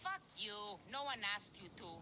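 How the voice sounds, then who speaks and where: A woman playing a gruff, foul-mouthed ship captain in a video game, curt and irritable. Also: medium pitch, very animated, normal speed, noisy background, natural voice. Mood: angry.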